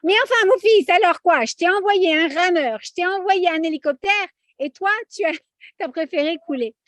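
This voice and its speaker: A woman's voice: very high voice, lively intonation, brisk, dry recording, studio quality, voice pushed up. Woman playing God as an exasperated father. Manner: warm, scolding, exasperated.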